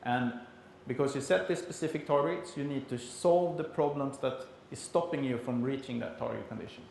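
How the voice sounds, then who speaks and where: A man from Sweden with a Swedish accent gives an explanatory conference presentation in a halting delivery, as a non-native speaker. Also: mid-range voice, gravelly, darkish tone. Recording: very echoey room, faint background noise.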